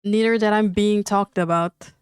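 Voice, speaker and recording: A woman's voice: mid-range voice, steady tone, moderate pace, clear, resonant tone, dry recording, clean studio sound, close to an everyday voice. A woman reading as a sheepish, stammering young man. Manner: stammering, apologetic. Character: cheerful awkward young man.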